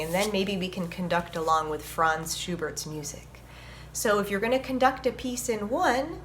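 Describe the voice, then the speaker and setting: Speaking in a mid-range voice over light background noise, a female violinist leads a children's story time. She reads a picture book and teaches music to young children in a gentle, encouraging, instructive manner.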